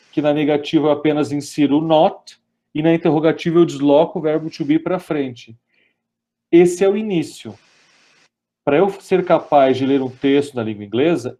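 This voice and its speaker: A man with a Brazilian Portuguese accent giving a webinar grammar lesson, explaining step by step and reading out English examples slowly. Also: a little high, mellow. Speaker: lecturer.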